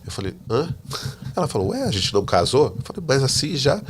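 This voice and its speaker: A man telling his personal faith testimony as a podcast guest, a lively storyteller who acts out the dialogue he quotes. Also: mid-range voice, a little fast, a little hiss or hum. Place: living in the United States.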